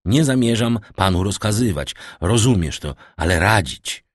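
A man's voice: low voice, animated, unhurried, no room sound. A man voicing stern, shaken prosecutor Wilford. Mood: persuasive. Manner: stern, secretive, barking orders then pleading. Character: anxious, commanding male crown prosecutor.

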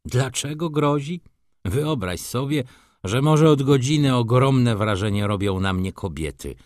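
A man's voice: mid-range voice, lively intonation, measured pace, a little mellow, dry recording, clean studio sound, natural voice. A man voicing a subdued, reasoning middle-aged merchant in an audiobook. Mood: uneasy.

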